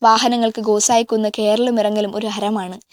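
A woman reading a novel aloud in a measured, even way, now and then stopping to correct a slip. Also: medium pitch, no echo. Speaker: audiobook reader.

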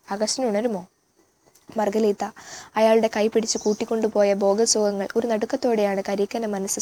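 Woman narrator, warm dark tone, measured expressive novel reading. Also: medium pitch. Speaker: audiobook reader.

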